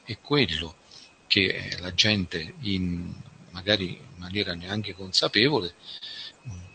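A man giving a spiritual talk, reflective and slow, addressing his listeners as friends and reading them a testimony. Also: deep voice, bright, forceful tone, slight background noise. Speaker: religious speaker.

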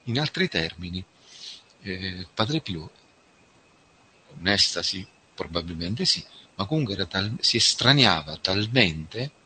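Man preaching a reflective spiritual talk; low, tense, cutting timbre. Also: sing-song, sharp tone, a little hiss or hum. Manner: slow, reflective, addresses listeners as friends. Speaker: religious speaker. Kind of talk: spiritual talk reading a testimony.

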